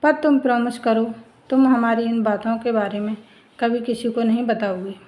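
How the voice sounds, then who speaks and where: A woman's voice: a little high, fairly even intonation, normal speed, darkish tone, natural voice, rough recording. A woman voicing a hurt young married woman who speaks in a stern, firm way.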